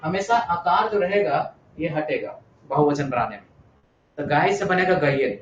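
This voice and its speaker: A male teacher dictates notes to his class in a slightly high voice, going back over each point and checking that the students understand. He is recorded from across an echoey room, so the sound is dull and carries a faint hiss. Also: distant mic. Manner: repeats and dictates notes, asks students if they follow. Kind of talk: classroom lesson.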